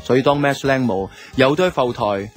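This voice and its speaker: For a radio drama, a man with a Hong Kong Cantonese accent plays a laid-back young man looking back on his love life in reflective, colloquial narration. His mid-range voice moves at a moderate pace with light acting, and music plays underneath.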